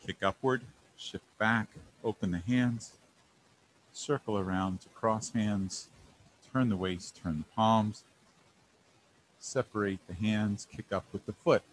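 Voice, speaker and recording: A man instructing tai chi, calling out each movement in short, calm, measured phrases. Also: lowish voice, a little hiss or hum, poor audio.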